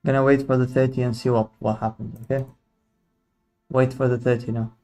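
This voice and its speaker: A young man hosts a live trading stream, chatting casually in slang and teasing his viewers. His medium-pitched voice is dark-toned with little pitch movement and a fairly quick pace, and faint music plays behind him.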